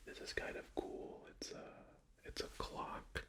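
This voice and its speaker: An ASMR creator whispering casual, unscripted rambles in short phrases during a finger-tapping show-and-tell. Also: takes it slowly.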